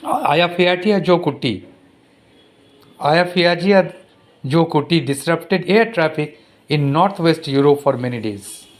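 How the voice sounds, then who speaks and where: Indian man reading a school textbook aloud. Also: a little high. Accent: Indian English. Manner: reads slowly and repeats passages, stumbles over hard words. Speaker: teacher. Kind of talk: recorded classroom lesson, reading a textbook aloud.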